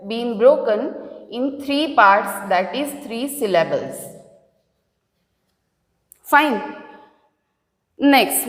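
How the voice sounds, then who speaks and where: A woman teaching a grammar lesson, explaining slowly and step by step and repeating herself. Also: on the high side. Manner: slow, repetitive, explaining step by step. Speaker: English teacher. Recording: echoey room with long reverb.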